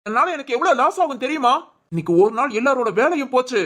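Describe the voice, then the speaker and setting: A woman playing an arrogant male office boss who berates his staff in a scornful, shouting way. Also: sits high, animated, fast talker. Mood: scolding.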